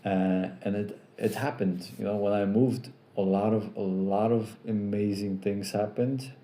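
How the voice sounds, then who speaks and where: A young man from Poland with an American accent hosts a relaxed live stream, rambling and repeating himself as he works through viewer questions. His voice is fairly low and unhurried, and the room sounds echoey.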